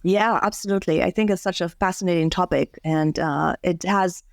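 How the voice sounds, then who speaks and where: A woman's voice: lowish voice, a little fast, creaky, no echo. A woman from Germany, a career and life coach, talking reflectively as a podcast guest, with many restarts and fillers.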